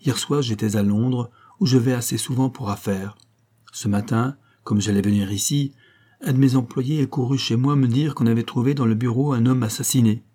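Guy reading a worked-up businessman, odd accent, keeps exclaiming, low husky voice. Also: steady tone, normal speed, warm tone, natural voice. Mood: astonished.

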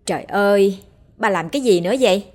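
A woman voicing a spiteful young daughter-in-law who nags and scolds fast. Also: medium pitch, animated, a bit bright, natural voice. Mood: shrill scolding.

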